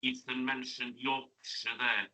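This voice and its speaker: Bright-voiced man, chatty. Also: mid-range voice, little pitch movement, slow pace, low-quality recording. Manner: friendly, chatty, asks lots of tag questions. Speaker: guest. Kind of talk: casual interview chat. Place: classroom radio studio.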